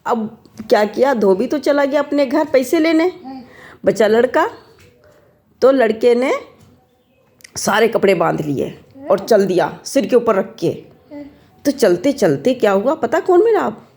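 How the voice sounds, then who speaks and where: A woman telling a folk tale aloud to children, checking in with quick questions to her listeners. Her voice is fairly high. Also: lively intonation, dark tone. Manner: asks listeners questions as she tells. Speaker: storyteller.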